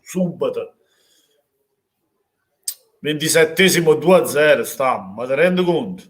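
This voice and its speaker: Excitable Neapolitan man streaming football. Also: a little high, measured pace. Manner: emotional, swings from calm chat to shouting. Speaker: live match streamer. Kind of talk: live reaction to a football match, reading chat.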